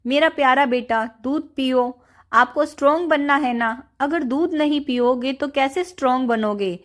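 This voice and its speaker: Lady doing a fretful young mom, high voice, coaxes then snaps. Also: moderate pace, fairly bright tone. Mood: coaxing. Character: young mother, worried and quick to scold.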